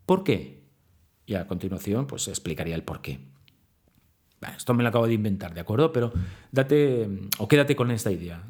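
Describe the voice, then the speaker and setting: Man teaching public speaking, animated. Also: medium pitch. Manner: deliberately exaggerated intonation and pauses for demonstration; addresses the listener directly with rhetorical questions. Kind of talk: spoken video lesson.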